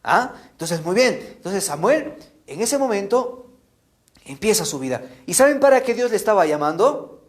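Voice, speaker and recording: A man telling a Bible story to children in an animated way, often checking in with them. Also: high voice. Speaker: catechist.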